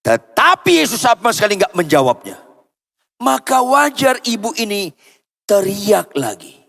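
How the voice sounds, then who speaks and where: A man from Indonesia preaching a sermon as pastor in a church, swinging from loud cries down to low murmurs and calling out to the congregation for answers. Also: sing-song, measured pace, creaky, soft background music. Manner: asks the congregation for responses. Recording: long church hall reverb.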